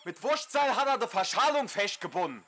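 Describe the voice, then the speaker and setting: A man's voice: high-pitched, sing-song, a little fast, pushed and bright, a little hiss or hum, full character voice. A man playing a berserk, indignant builder who rants and scolds in a Saarland accent, in a comic dialect dub. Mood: indignant rage. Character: berserk, raging man berating incompetent building workers.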